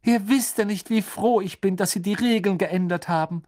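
A man voicing a warm, motherly middle-aged witch in a high, lilting voice. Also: normal speed, no room sound, studio quality, close to an everyday voice. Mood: fond.

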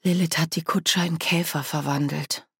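A woman's voice: medium pitch, a little slow, darkish tone, no echo, clean studio sound, pitched above the performer's own voice. A woman reading an audiobook, voicing a frightened young woman with a plaintive, worried tone. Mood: hushed. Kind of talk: audiobook character voice.

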